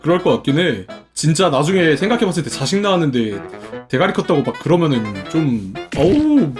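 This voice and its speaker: A young man sits in his room at home and chats casually with his viewers, thinking out loud in a playful way. His voice sits a little high and swings widely in pitch, full of animation. Soft background music plays faintly beneath him. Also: very animated, a little fast. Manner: chatty, playful, muses aloud. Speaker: streamer.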